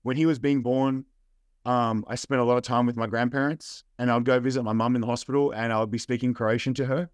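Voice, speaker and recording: A young Australian man is a guest in a casual interview, speaking at a quick pace with medium pitch and fairly even intonation, no echo in the audio. His manner is laid-back and rambling, filled with fillers.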